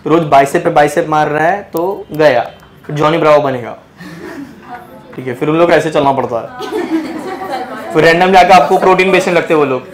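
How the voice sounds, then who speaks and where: A man's voice: on the high side, moderate pace, long pauses. A young man teaching biology to a class, teasing his students and mixing English terms into his Hindi. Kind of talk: joking classroom lecture. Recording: noisy classroom crowd.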